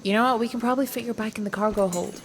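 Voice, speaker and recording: A woman's voice: a little high, steady tone, very fast, slight background noise, close to an everyday voice. An actress playing a hopeful young woman who talks in a hesitant, rambling way.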